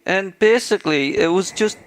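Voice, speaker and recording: A man's voice: high-pitched, expressive, moderate pace. A man co-hosting a casual gaming chat show, ranting sarcastically and getting worked up about his topic. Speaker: podcast co-host.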